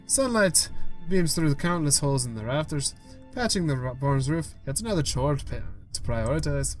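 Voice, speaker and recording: Animated man reading a game. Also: fairly high pitch, faint music behind. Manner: expressive reading with quick asides and laughs. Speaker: gaming YouTuber. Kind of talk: reading game text aloud as narration.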